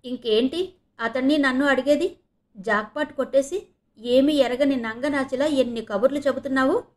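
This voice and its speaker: A woman's voice: sits high, normal speed, pitched above the performer's own voice, natural voice. A woman voicing a mischievous young female student teasing her friends in an audio novel reading. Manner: laughing, teasing.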